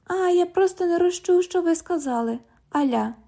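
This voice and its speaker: A woman's voice: extremely high pitch, lively intonation, normal speed, creaky, warm tone, pitched above the performer's own voice, heavily acted. A woman reading an audiobook, voicing a sarcastic, mocking twenty-year-old woman who works as a bank cashier. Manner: mocking, cheeky, parrots the other speaker.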